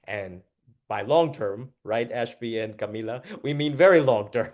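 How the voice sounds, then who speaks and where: A man's voice: mid-range voice, normal speed, a little mellow. A man moderating a panel discussion, introducing the guests with enthusiasm and frequent restarts.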